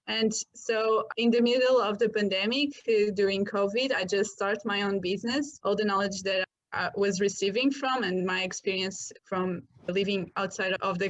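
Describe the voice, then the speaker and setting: A woman's voice: mid-range voice, a bit bright. A woman, a guest talking casually about her work in loose, upbeat phrasing. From Portugal. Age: 20s. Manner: upbeat, loose non-native phrasing with fillers. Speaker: guest, marketing agency founder. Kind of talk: casual interview conversation. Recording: dull lo-fi sound.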